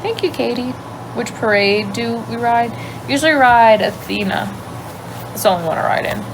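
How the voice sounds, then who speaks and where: Chatting casually on her livestream, a young woman from Louisiana answers viewers' questions in a light Cajun accent, musing aloud and trailing off into soft asides. She speaks at a normal pace with a slightly high voice, captured by a phone mic against a noisy background.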